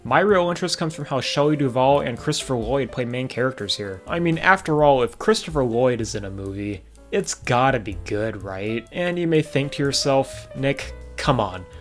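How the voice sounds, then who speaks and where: A man's voice: mid-range voice, expressive, normal speed, few pauses, soft background music. Sarcastic young man recapping a movie. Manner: sarcastic, dry. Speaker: movie reviewer and host. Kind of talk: scripted comedic movie recap.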